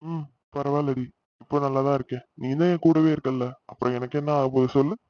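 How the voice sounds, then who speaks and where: A man voicing a fast-talking young cartoon husband. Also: medium pitch, steady tone, close to an everyday voice. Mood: tender. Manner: reassuring but quickly exasperated. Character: young husband home from hospital, easily fussed. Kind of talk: cartoon voice acting. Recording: dull lo-fi recording.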